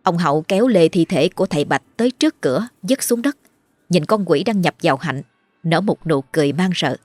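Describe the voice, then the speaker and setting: A woman's voice: fairly low pitch, expressive, brisk, darkish tone, dry recording. A woman storyteller giving a dramatic, scripted horror narration. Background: faint music.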